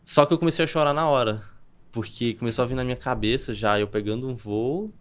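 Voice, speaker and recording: A young man, telling his story as a podcast guest in a lively, rapid manner and acting out what people said. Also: medium pitch. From Campina Grande, Paraíba, Brazil. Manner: rapid, animated storyteller who acts out quoted dialogue.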